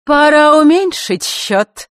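A woman voicing a villainous female clockmaker who taunts and shouts in a high, strained voice. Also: animated, slow pace, no echo, clean studio sound. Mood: mocking. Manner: taunting, shouting, sing-song.

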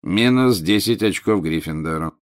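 A man voicing a cold, contemptuous male teacher who talks in a slow drawl. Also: sits low, lively intonation.

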